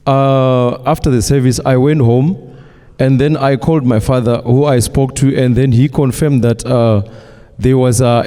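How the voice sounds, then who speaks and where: A man testifies before a congregation, his voice mellow and warm at a middle pitch. He speaks in a measured way, pausing often, and the long reverb of a church hall trails after his words. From Zimbabwe. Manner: measured, with frequent hesitations. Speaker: church member giving testimony.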